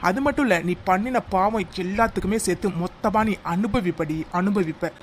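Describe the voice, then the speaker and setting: A man voicing a hot-headed young man who loudly defends his friend in a cartoon love story. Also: sits high, a little fast, slight background noise, natural voice. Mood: angry. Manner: loud, scolding, heated. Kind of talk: cartoon voice acting.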